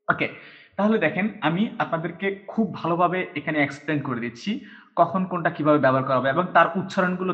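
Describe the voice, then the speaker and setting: A man teaching a lesson at a board, patiently spelling out syllables one by one and repeating them. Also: a little high. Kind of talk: whiteboard lesson. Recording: lo-fi dull sound.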